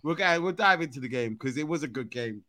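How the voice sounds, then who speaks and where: A man with a London roadman accent hosting a casual football chat, speaking in animated street slang. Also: on the high side, fast talker, no room sound, studio quality. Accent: London, urban street style. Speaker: football talk show host.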